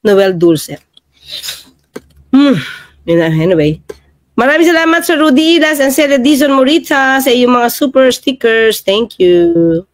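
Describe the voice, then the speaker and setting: A woman's voice: high-pitched, expressive, measured pace, no echo. A Filipino woman hosting a casual livestream, chatting about the news and thanking viewers by name. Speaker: livestream host reading viewer comments.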